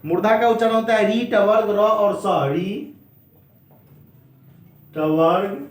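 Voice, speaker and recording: A man with a high voice teaches grammar at a board. He goes slowly and repeats each point as he talks straight to his students. The sound rings with heavy echo, as in a bare, hard-walled room. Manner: slow, repetitive drilling, addresses students directly. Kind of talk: board lesson. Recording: very echoey room.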